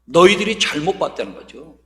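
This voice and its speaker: High, lively male preacher in reverb. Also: brisk. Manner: emphatic preaching with rhetorical questions. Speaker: pastor. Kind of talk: sermon. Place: church sanctuary. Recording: long reverb of a church hall.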